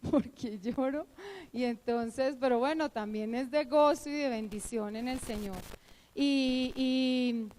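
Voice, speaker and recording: A woman's voice: a little high, low-quality recording. Emotional woman preaching a testimony. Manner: emotional, animated storytelling with fillers. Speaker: church teacher. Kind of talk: sermon with personal testimony.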